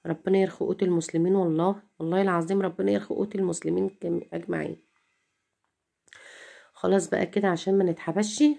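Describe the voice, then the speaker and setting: Fast-talking Egyptian woman, gravelly and low. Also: warm tone. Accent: Egyptian Arabic. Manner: complaining, repeats herself, talks straight to viewers. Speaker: home vlogger. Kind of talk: chatty cleaning vlog.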